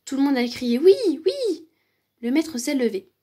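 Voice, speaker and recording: A woman reading a children's picture book aloud for a library, with lively, expressive storytelling. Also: a little high, a little fast.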